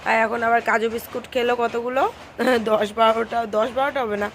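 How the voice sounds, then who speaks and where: A young mother, her voice hoarse and strained, chatting homely and casually to her viewers. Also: fairly high pitch, fairly even intonation, a little fast, slight background noise. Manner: chatty, homely, soft baby talk with her daughter. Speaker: vlogger, mother. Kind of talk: casual vlog narration to viewers.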